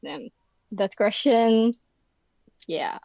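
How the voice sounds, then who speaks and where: A young woman, originally from the Philippines and raised in the Netherlands, is a university student speaking as a podcast guest in a casual indoor conversation. She reaches for words and leans heavily on fillers, her voice on the high side, very slow, darkish, and marked by vocal fry. The recording sounds muffled and has no room sound.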